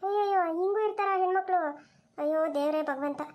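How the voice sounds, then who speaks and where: A woman's voice: very high voice, fast talker, a little mellow, voice pushed up. A woman voicing a bossy older village woman in a cartoon who scolds and nags. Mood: reproachful. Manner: scolding, nagging. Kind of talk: cartoon voice acting.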